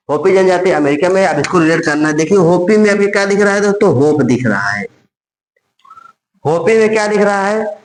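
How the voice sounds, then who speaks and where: A man's voice: fairly high pitch, roomy sound, low-quality recording. A man teaching an exam-prep lesson with memory tricks, repeating each phrase several times and answering his own questions. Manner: repetitive, drills phrases over and over, asks and answers himself.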